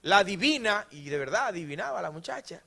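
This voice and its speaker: High-voiced animated preacher. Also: male voice, quick pace, gravelly. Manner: animated preaching, shouting praise, mimicking complainers. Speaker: pastor. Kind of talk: sermon. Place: church before a congregation.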